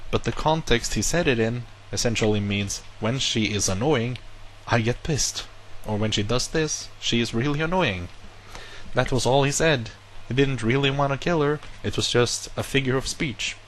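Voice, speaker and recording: With poor audio carrying a little hiss or hum, a man of medium pitch speaking at normal speed delivers a casual monologue to camera. The vlogger, a non-native English speaker, animatedly retells a long personal story, rambling and self-correcting along the way.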